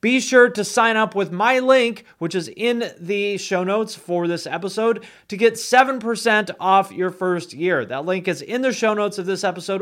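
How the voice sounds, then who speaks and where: A man with a high, fairly bright voice hosts a podcast, speaking casually and conversationally with plenty of "like" and "you know" during an interview chat and a sponsor read.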